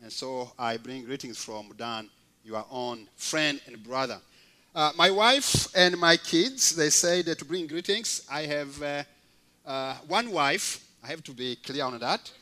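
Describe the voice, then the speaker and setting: This guest preacher, a Rwandan man in his fifties with a fairly high pitch, gives a halting testimony sermon full of fillers and touched with gentle humor.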